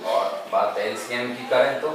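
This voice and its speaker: A man teaches a board lesson, chanting multiplication tables and asking questions that he answers himself. The room echoes heavily and the mic sits far away. Steady background noise runs under his voice. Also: medium pitch, a little slow. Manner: asks the class questions and answers them himself; recites multiplication tables aloud. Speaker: math teacher.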